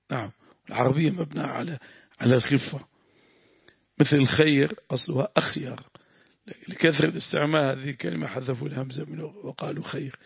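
Sheikh, gravelly husky voice, lesson with prayers, dull lo-fi sound. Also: male voice, fairly high pitch, dry recording. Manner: explains grammar, breaks into prayers. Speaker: sheikh teaching tafsir. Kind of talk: religious lesson with supplications.

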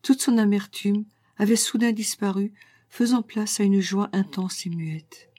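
Female audiobook reader, calm and measured, warm dark tone, dry close recording. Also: mid-range voice, no echo. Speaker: narrator. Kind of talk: audiobook reading of a classic story.

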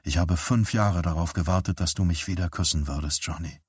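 A man voicing a young woman in love, soft and hushed, in an audiobook reading. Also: low voice, measured pace, slightly rough, dry recording, studio quality. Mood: tender.

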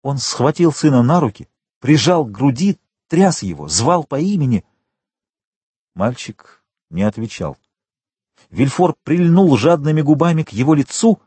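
A man narrating an audiobook in a dramatic, expressive reading. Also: fairly high pitch, unhurried, long pauses, slightly rough, dry recording.

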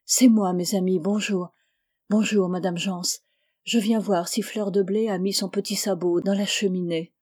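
A gentle village vicar, read by a woman in a storybook, soothing and kind. The voice stays soft and warm, never pushing. His manner is calm and reassuring. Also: mid-range voice, normal speed, husky, natural voice. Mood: kindly.

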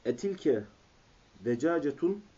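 A male student reads aloud and translates in a language lesson, halting word by word. His voice is husky and mellow, at a middling pitch. The recording has the dull sound of an old worn cassette. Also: animated. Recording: muffled old cassette tape.

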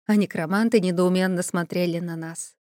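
A woman narrating a first-person fantasy novel in an expressive, dramatic way. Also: lowish voice, fairly quick, dry recording, studio quality. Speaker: audiobook narrator.

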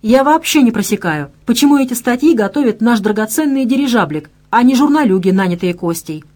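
A woman's voice: a little high, animated, a little fast, mellow, pitched above the performer's own voice. A woman reading an audiobook and voicing a joking young male office worker with a teasing manner. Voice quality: playful, teasing. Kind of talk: audiobook character voice.

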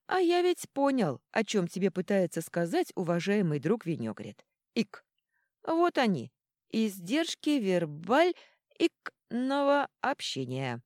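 A woman's voice: mid-range voice, huge pitch swings, normal speed, a little mellow, no room sound, studio quality, voice pushed up. A woman voicing a tipsy, playful male jester who hiccups as he talks.

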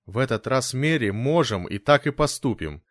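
A man voicing a calm, gentle but firm butler in an audiobook, speaking evenly and with assurance. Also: mid-range voice, moderate pace, dry recording, studio quality, lightly acted. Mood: assured.

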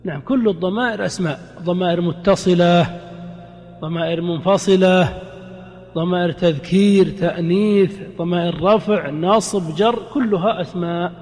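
A man's voice: high voice, moderate pace, a little mellow, faint music behind. A man teaching grammar to a class, quizzing students with short prompts and then explaining patiently. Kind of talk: interactive classroom lesson. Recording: long reverb in a hall.

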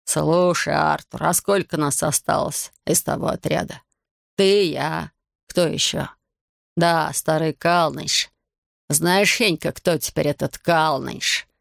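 A man voicing a drunk, boastful, sentimental fisherman, dragging and slurring his words in a gravelly voice. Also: a little high, fairly even intonation, takes it slowly, dry recording, clean studio sound, full character voice. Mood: drunk boasting. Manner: slurred, dragging, loud and maudlin.

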